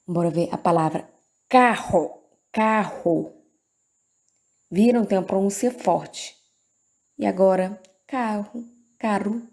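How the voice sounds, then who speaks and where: Slow-speaking Brazilian Portuguese teacher woman. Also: medium pitch, dark tone. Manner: slow, deliberate, repeats words for the class. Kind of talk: recorded grammar lesson for children.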